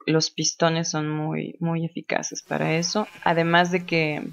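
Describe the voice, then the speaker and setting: A woman gamer chats casually while playing a video game, thinking aloud and laughing often. Her low, gravelly voice is unhurried with little pitch movement, captured in a dull lo-fi home recording.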